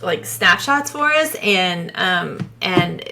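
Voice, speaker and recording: A woman with a Southern US accent co-hosting a podcast, chatting casually and reading listener stories aloud with lively restarts and laughter. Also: lowish voice, slow pace, creaky, background noise. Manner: animated, chatty, laughs often, many restarts. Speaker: podcast co-host.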